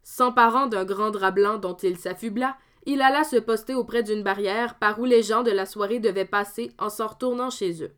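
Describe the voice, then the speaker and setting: A woman reading a folk tale aloud as a storyteller, measured and expressive. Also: mid-range voice.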